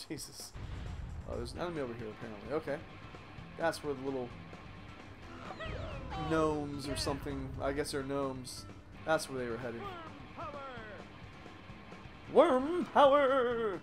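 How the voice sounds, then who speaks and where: This is a man commentating his own let's play in a steady, middle-range voice, swearing at nearly every turn. He rambles, doubles back on his words and throws in sarcastic asides. Game music plays clearly under his talk. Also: mid-range voice. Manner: profane, ranting and sarcastic; rambling with frequent restarts and asides.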